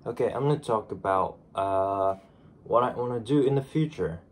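This vlogger, a Japanese man in his twenties with a Japanese accent, sounds animated despite being groggy from just waking up. His voice is on the low side, at a moderate pace, and slight background noise can be heard. He chats casually to the desk camera in his small bedroom, self-deprecating and restarting phrases.

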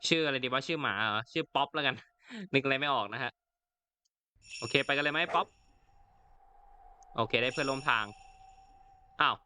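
A man's voice: medium pitch, sharp tone. A man hosting a let's play of a horror game, reacting chattily and reading the in-game text aloud. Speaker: gaming channel host.

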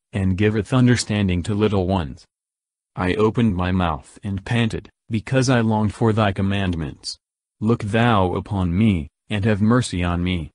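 A man reading the Psalms aloud in a measured, solemn, verse-by-verse delivery. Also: fairly low pitch, a little mellow, no echo. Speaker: scripture reader.

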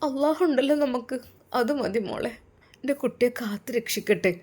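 A woman voicing a grieving, devout older mother who speaks softly and pleads through tears. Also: brisk, husky. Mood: praying. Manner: pleading, high and soft, tearful tone.

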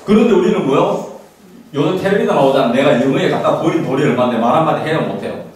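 Quick and animated, a middle-aged man speaks to parents in an informal, emphatic lecture, regularly asking rhetorical questions. His voice is on the high side and a little mellow. He uses a handheld mic in a small classroom, recorded by a distant camera that picks up the room's echo and background noise.

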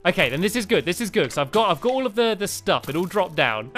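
A man's voice: high-pitched, sing-song, fast, fairly bright tone, faint music behind. A man giving chatty, casual game commentary, laughing often and restarting his sentences. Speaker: game channel host.

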